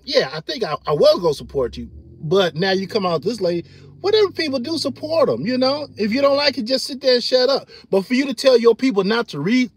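A middle-aged man, talking loosely to his livestream audience with a high voice. He gets loud and animated and laughs often. The sound is dry and close. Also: dry recording. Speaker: livestream host. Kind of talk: casual livestream chat.

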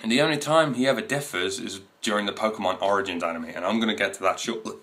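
Casting: twenties male vlogger, low voice, loose, meandering chat to camera. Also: quick pace, fairly bright tone. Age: 20s. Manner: rambling, many fillers and restarts. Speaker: video host. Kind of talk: casual to-camera talk. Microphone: camera mic.

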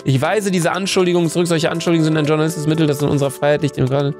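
Streaming from a desk indoors, a young man with a cold excitedly plays a meme quiz, reading the answers aloud and swearing casually as background music plays. He speaks rapid-fire in a fairly high voice into a studio mic close to his face.

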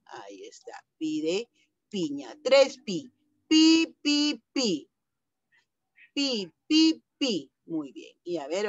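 A woman's voice: medium pitch, dry recording. A middle-aged woman, teaching young children to read and patiently sounding out syllables. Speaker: primary school teacher. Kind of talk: online reading lesson for young children.

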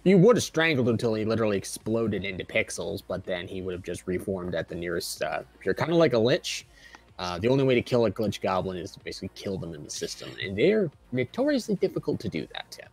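A man running a tabletop role-playing game over voice chat, relaxed and rambling. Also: fairly low pitch, fast talker, husky. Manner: rambling, relaxed, many fillers. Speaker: game master.

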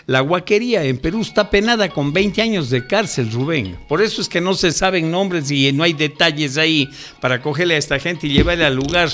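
Older male guest on radio, slightly high voice, emphatic and lecturing, urgent jumps up in pitch. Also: a little fast, fairly bright tone, soft background music. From Ecuador. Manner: emphatic, lecturing, sudden rises for stress. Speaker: ufologist guest. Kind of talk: radio interview, impassioned explaining.

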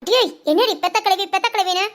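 A bickering old cartoon grandmother who throws insults around, voiced by a woman. Her voice is very high and quick, with a sharp, nagging edge. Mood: quarrelsome. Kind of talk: cartoon family drama voice acting.

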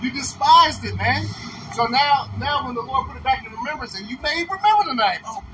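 A man with a very high voice reads scripture slowly and then preaches about it on the street. Clear outdoor noise sits behind his voice. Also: animated. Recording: noisy outdoor street recording.

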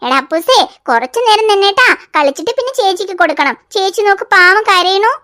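A young cartoon mother, voiced by a woman in a home-made cartoon, patient with her little one but quick to scold. Her voice sits extremely high. She coaxes in a sing-song and turns sharp when she scolds. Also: expressive, exaggerated voice. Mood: pleading. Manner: coaxing and sing-song with the baby, sharp with the older child.

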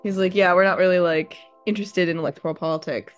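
Fast-talking woman telling a story. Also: fairly low pitch, fairly even intonation, soft background music. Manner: rambling, many likes and you-knows. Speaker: party member sharing an anecdote. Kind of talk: casual podcast storytelling.

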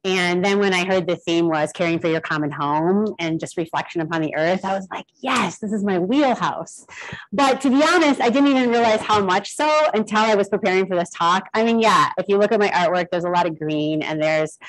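A woman's voice: fairly low pitch, fairly quick, hardly any pauses, low-quality recording. Young woman, guest artist, loose and rambling talk to a live gallery crowd. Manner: chatty and rambling, with many fillers. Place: gallery event in front of an audience.

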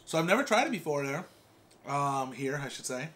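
A man's voice: on the high side, big pitch swings, brisk, fairly bright tone, slight background noise. A man co-hosting an eating show, talking in an easygoing, jokey way and laughing at himself. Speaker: co-host of an eating channel. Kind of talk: casual mukbang chat. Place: home.

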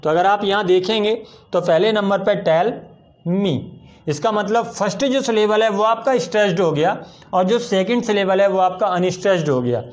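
A man's voice: high-pitched, animated, normal speed. A man teaching English poetry meter in a patient, methodical way, counting out stressed and unstressed syllables step by step. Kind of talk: explanatory lesson.

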